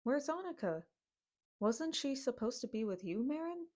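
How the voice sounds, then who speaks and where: A woman's voice: high voice, sing-song, moderate pace, a little mellow. A woman voicing a fatherly older male alien saloon owner who fusses and scolds, calling the others kid. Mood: fussing.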